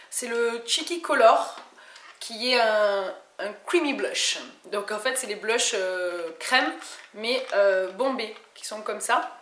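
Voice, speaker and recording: A woman's voice: a little high, fairly bright tone. A woman from France chatting casually through a beauty haul, hesitating often and restarting her sentences. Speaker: beauty vlogger. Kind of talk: casual haul video chat. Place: home room. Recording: echoey room with faint noise.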